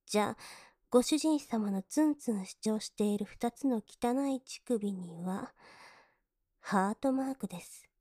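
A young woman playing a cold, scornful maid in an adult audio drama, politely contemptuous and mocking, sometimes dropping into soft whispers to sneer. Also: medium pitch, a little slow, no room sound, studio quality, lightly acted.

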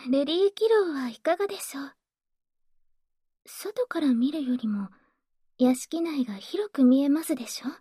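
A woman playing a gentle, devoted maid who soothes her master with formal politeness in a soft, breathy ASMR role-play. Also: high voice, no room sound, clean studio sound.

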